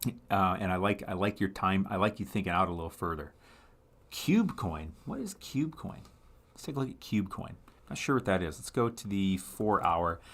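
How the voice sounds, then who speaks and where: Low-voiced man rambling through chart analysis. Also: moderate pace. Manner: thinks aloud, rambling with frequent self-corrections; reads viewer comments and answers them. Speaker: livestream host. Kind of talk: casual live chart analysis.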